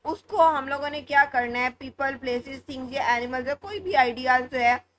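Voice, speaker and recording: A woman teaching an online English lesson to schoolchildren, explaining step by step with frequent filler phrases and check-ins, and reading English examples slowly with stress on the word endings. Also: high voice, a bit bright, slight background noise, rough recording. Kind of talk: online class lecture.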